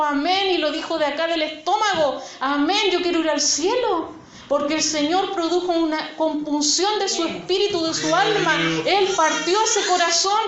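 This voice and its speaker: A woman preaching a sermon in a church, speaking earnestly and addressing listeners as sister. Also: extremely high pitch. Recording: echoey church hall, dull sound, congregation.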